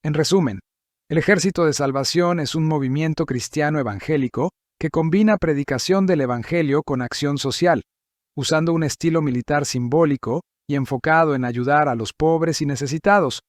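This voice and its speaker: Male narrator, somewhat high voice, steady list-like scripted read, dry booth sound. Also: no echo. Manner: measured, list-like reading.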